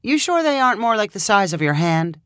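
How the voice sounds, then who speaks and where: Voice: medium pitch, sing-song, brisk, a bit bright, clean tone, no room sound, voice pushed up. A storyteller voicing a dry, unimpressed woman lawyer who talks in a wry, mildly teasing way. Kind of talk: storybook reading.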